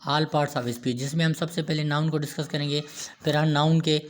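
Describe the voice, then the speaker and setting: A man with a fairly high voice giving a slow grammar lecture. He explains each point step by step and often asks a question, then answers it himself. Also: level tone. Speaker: teacher.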